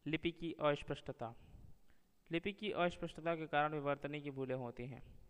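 Slow careful guy reading out a lesson, word by word, smooth voice, kinda reverby. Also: a little high, a bit bright. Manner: slow, deliberate word-by-word reading of spelling pairs. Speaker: teacher. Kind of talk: reading a grammar lesson aloud. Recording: long reverb.

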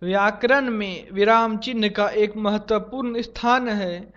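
A man reading a grammar lesson aloud in a measured, formal, dictation-like way. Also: high-pitched, steady tone, fairly bright tone. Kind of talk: slow read-aloud textbook lesson. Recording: dull lo-fi sound.

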